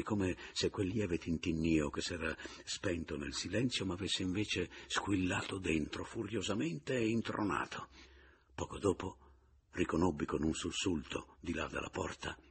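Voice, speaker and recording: A man reading a novel aloud in a dramatic, deliberate narration. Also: deep voice, gravelly, fairly bright tone, husky. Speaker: audiobook reader. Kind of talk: literary narration.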